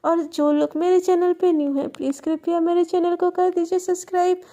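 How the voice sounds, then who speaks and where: A woman with a very high but mellow voice narrates a love story for her channel. She tells it casually and loosely, often restarting words mid-sentence. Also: little pitch movement, moderate pace. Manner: chatty, loose retelling with restarts.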